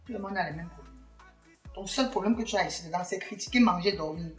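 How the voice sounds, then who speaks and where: A woman's voice: on the low side, fast, natural voice. Woman doing a grumpy mom, sarcastic scolding, faint music behind. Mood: annoyed. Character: weary, irritable mother, sharp-tongued. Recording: roomy, distant mic, faint music.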